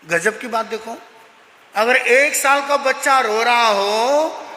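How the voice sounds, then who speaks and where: High-voiced Jain monk preaching. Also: male voice, slow pace, pushed and bright. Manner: emphatic, moralizing, acts out dialogue. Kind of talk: sermon with storytelling. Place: Jain prayer hall. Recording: echoey hall with long reverb.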